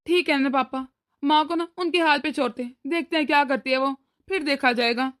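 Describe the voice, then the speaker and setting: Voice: sits high, a little fast, a bit bright. A voice actor playing an anxious young husband and son in a cartoon, torn between wife and mother. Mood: coaxing. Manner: pleading, anxious. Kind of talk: cartoon voice acting.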